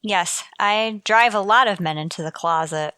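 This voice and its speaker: A woman playing Miss Brooks, a wry, sardonic high school teacher, with dry delivery in the style of an old radio sitcom. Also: normal speed, bright, forceful tone, smooth, dry recording, natural voice. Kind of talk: 1940s radio sitcom acting.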